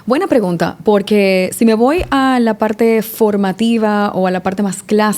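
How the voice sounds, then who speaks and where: A woman from the Dominican Republic, speaking as a sommelier guest on a podcast. Her voice is mellow and warm at an average pitch. She thinks aloud, restarting phrases and filling pauses as she goes. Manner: reflective, restarts often, eh fillers. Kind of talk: casual podcast interview.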